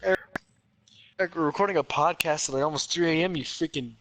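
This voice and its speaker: A man cohosting a late-night chat with friends, excitable, playful and giggly. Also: fairly high pitch, fast talker, a crowd in the background, rough recording. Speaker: podcast co-host.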